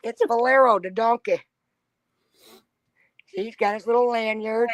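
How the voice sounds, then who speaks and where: A woman's voice: fairly high pitch, fairly even intonation, a little slow, a little hiss or hum. Woman telling a profane story, laughing. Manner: laughs through her stories, acts out the people she quotes. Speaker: storyteller in a podcast chat.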